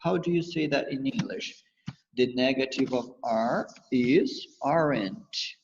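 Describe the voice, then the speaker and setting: A man with a Brazilian accent teaching an English grammar lesson, calling himself teacher and slowly drilling example sentences. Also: mid-range voice, background noise. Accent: Brazilian Portuguese. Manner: calls himself teacher, switches between English and Portuguese, slow drilled examples. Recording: dull lo-fi with long reverb.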